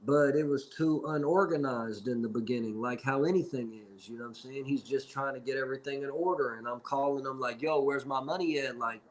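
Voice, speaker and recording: A man's voice: medium pitch, brisk, few pauses, poor audio. A man in his forties from Seattle, a rapper telling long rambling stories in casual chat, often adding "you know what I'm saying". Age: 40s. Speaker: rapper guest. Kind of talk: casual storytelling.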